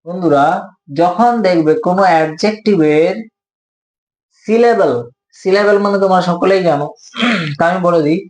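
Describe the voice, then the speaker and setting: A man with a Bengali accent teaches English grammar in a patient, step-by-step way, asking questions and answering them himself. His voice sits a little high. The recording has a roomy echo. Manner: patient, repeats key points, asks and answers his own questions. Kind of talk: explanatory lesson.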